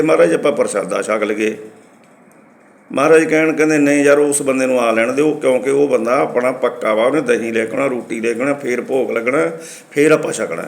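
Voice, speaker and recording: A Sikh preacher with a creaky, mid-range voice delivers a storytelling sermon to a congregation. He tells the story in a lively way, acting out the dialogue of the people in it.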